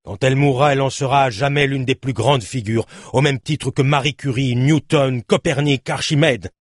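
A man's voice: mid-range voice, steady tone, moderate pace, no echo, clean studio sound, voice pushed up, natural voice. A man voicing a defiant, accusing bedridden woman who speaks in a cutting way.

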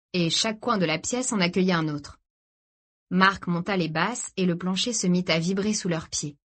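A woman reading a novel aloud as narrator in a measured, even way. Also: on the low side. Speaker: audiobook narrator. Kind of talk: scripted narration.

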